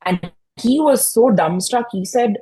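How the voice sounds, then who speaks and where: This young Indian woman's voice sits on the high side, animated yet unhurried, mellow and slightly rough. A mental health podcast host appearing as a guest in a fireside chat, she reflects on her experiences through storytelling, restarting often.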